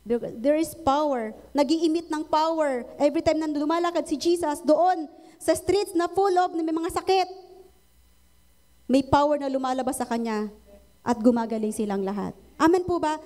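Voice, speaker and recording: A woman's voice: high-pitched, moderate pace, darkish tone. A woman with a Filipino accent preaching a sermon, switching between Tagalog and English and often asking the congregation for an amen. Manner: mixes Tagalog and English, asks congregation for amens.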